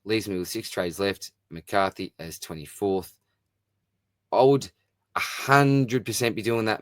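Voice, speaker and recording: A man's voice: lowish voice, no room sound, clean studio sound. A man hosting a casual solo fantasy sport Q&A, talking in a chatty, matey, informal way with plenty of slang. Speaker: host of a fantasy sport Q&A show. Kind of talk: casual solo mailbag commentary, reading out questions and answering.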